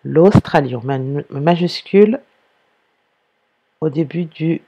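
A woman teacher giving a slow dictation lesson, spelling words out syllable by syllable. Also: low-pitched, breathy edge, lo-fi sound.

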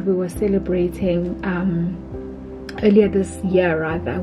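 Tender South African woman reading a voice-over. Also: fairly low pitch. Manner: slow, tender and prayerful. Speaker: vlogger. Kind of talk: heartfelt anniversary letter read as voice-over. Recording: dull voice-over under loud music. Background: music.

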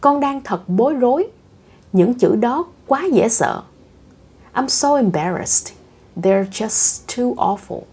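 A young bride pleads with her mother in a tearful way, as read by a woman. The voice is husky, and the reading is unhurried. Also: fairly high pitch, animated, darkish tone, pitched above the performer's own voice, heavily acted.

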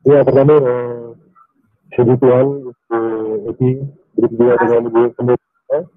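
A husky man speaks over a choppy online call that keeps breaking up, his words cut in and out. The line is tinny and thin, and dry with no room around it. He talks haltingly, pausing and restarting as he gives thanks. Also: medium pitch, little pitch movement, no room sound. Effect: choppy call audio that keeps cutting out. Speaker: caller on a live stream. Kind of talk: giving thanks and blessings.

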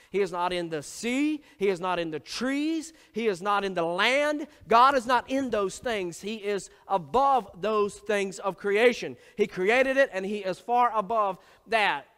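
A man's voice: high voice, a bit bright, long reverb tail. A man preaching as pastor, emphatic, building his points through repeated phrases. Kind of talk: sermon.

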